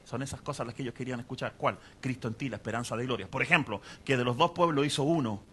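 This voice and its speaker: A man's voice: mid-range voice, fast talker, a little hiss or hum. A man preaching a sermon as pastor, conversational and asking the congregation questions.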